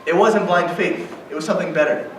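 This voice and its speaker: A high-voiced American man, a guest lecturer at an Islamic center, gives an informal, relaxed religious talk to young adults at a quick pace. He's conversational and often checks in with a questioning "right?". Sitting far from the mic, his voice rings through a very echoey hall over a faint hiss.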